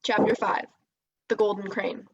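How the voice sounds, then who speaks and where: A woman reads a children's novel aloud in a steady, expressive storytelling voice. Her pitch sits in an ordinary middle range. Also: measured pace, slightly rough, lo-fi sound. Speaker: reader.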